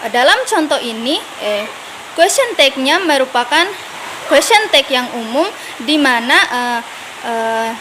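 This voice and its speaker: A young woman student explaining English question tags in a class video, hesitant with frequent fillers and restarts. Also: sits high. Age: young adult. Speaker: student presenter. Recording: loud steady hiss behind voice.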